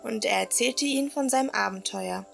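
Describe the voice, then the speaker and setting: A woman tells a children's story in a gentle, expressive way. Her fairly high voice carries a gravelly edge, and soft music plays faintly beneath her. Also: brisk. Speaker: narrator. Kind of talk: storybook narration for a radio play.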